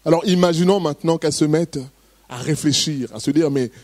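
A man delivering a sermon in a fairly high voice. He reads scripture in an even tone, then preaches with emphatic, rising outbursts. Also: brisk, no room sound. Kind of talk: sermon with Bible reading.

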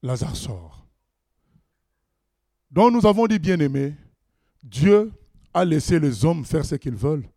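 A man preaching a sermon, reading scripture aloud and commenting on it, swinging between loud exclamations and low asides. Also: big pitch swings, takes it slowly, long pauses, no room sound, clean studio sound.

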